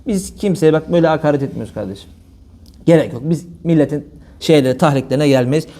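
A man delivers a loose, conversational sermon from a lectern, speaking quickly in a rather high voice. His speech is blunt and everyday, sprinkled with pious exclamations. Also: dark tone. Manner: blunt colloquial speech mixed with religious phrases. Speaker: preacher. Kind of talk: informal religious talk.

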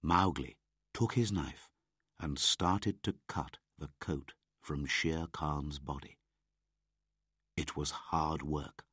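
A man narrating a graded-reader audiobook in a slow, clear, measured way. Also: a bass voice, fairly bright tone, dry recording, clean studio sound.

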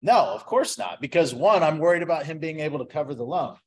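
A man's voice: a little high, animated, fast talker, husky. A man giving an investment presentation to a live audience, engaging and chatty, constantly asking the crowd questions. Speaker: guest speaker, investment presenter. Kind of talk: interactive sales presentation. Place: event venue with a live audience.

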